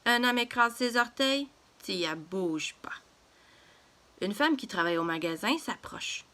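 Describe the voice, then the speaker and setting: A woman reading a children's story aloud in a gentle, expressive way. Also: a little high, normal speed.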